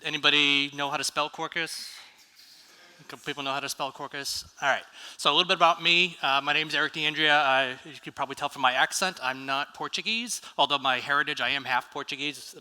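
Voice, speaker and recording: On the stage of a large conference hall, an American man gives a casual talk at a live tech conference and asks the audience to raise their hands. His medium-pitched voice is a little fast, with a sharp yet clean tone, and the hall's reverb is audible.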